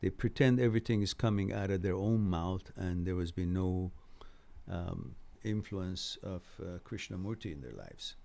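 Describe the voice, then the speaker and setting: A middle-aged man, Farsi being his first language, hosts an informal live mental health lecture with audience questions. He explains with hesitant pauses in a deep, creaky, dark voice.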